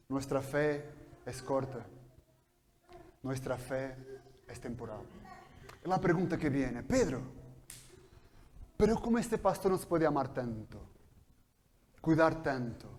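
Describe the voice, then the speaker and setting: In a church hall, a pastor with a voice on the high side delivers a sermon through his Spanish, alternating between calm explanation and loud, impassioned stretches.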